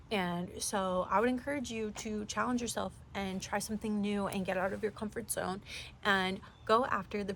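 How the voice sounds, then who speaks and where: A woman's voice: medium pitch, background noise. A woman in her twenties hosting her own podcast, giving a rambling, earnest motivational talk full of "like" and "you know". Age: 20s. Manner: earnest, rambling, heavy use of "like". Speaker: podcast host. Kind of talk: casual motivational monologue.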